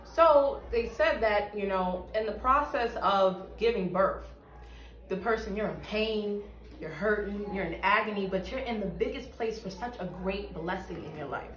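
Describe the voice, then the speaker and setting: In an echoey little room with bare walls, a seated woman gives an interview testimony about church, earnest and emphatic. Her voice is mid-range at a moderate pace, captured by a mic a few feet from the camera.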